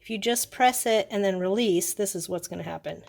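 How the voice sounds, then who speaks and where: With a medium-pitched voice and a fairly quick pace, a woman reviewing a product demonstrates it off the cuff, explaining one step at a time in a chatty manner. Noise and clicks are clearly audible in the recording.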